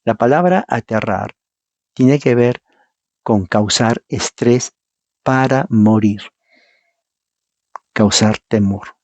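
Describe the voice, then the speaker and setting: Husky-voiced preacher teaching scripture. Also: male voice, mid-range voice, slow, long pauses, a little mellow, dry recording. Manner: emphatic, asks the congregation rhetorical questions; reads scripture aloud and explains it verse by verse. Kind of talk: Bible teaching sermon.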